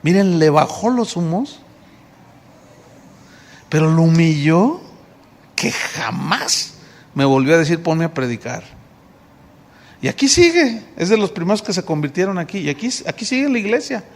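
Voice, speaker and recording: A male pastor with a Mexican Spanish accent preaches a sermon, telling a lively story and acting out its dialogue. His voice sits fairly high, moving at a normal speed with frequent pauses. The church hall gives the recording a long reverb.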